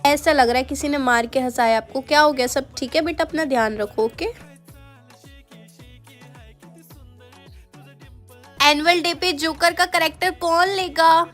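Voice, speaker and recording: A woman's voice: sits high, moderate pace, a bit bright, faint music behind. A woman playing a strict, scolding teacher and mother in a comic skit. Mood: mocking. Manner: scolding, bossy.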